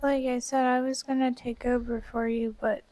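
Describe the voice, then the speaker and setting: A woman's voice: on the high side, level tone, moderate pace, darkish tone. A woman chatting casually as a stream co-host, speaking close into a headset mic. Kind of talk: casual livestream chat.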